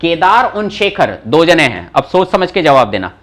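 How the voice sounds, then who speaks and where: High, lively male language teacher. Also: normal speed. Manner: explains patiently, quizzes students by name, mild teasing scolds. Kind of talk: live online class teaching.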